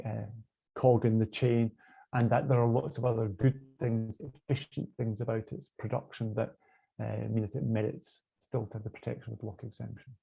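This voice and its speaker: A Scottish man lectures over a video call, his voice gravelly and dark. He pauses often and restarts his sentences. The call audio sounds muffled and lo-fi. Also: medium pitch. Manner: hesitant, many fillers and restarts. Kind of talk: online law lecture.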